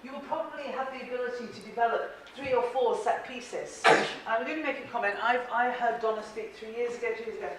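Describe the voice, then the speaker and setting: A fast-talking Irish woman with a slightly high voice and few pauses leads a live presentation-skills workshop, chatty and upbeat, often laughing and asking the room questions. There's background noise, and the sound comes from a distance, very echoey, in a large training room that echoes.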